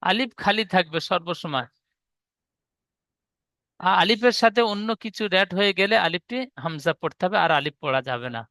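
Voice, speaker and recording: Bright, high-voiced male teacher. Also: no echo. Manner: patient, repeats each rule slowly. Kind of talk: teaching Arabic letter reading.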